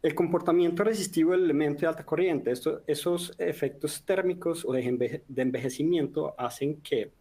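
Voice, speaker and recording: A man's voice: on the high side, a little fast, hardly any pauses, warm tone, slightly rough. A man from Colombia, giving a technical webinar lecture in an explanatory way, lifting his voice on questions. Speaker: technical presenter.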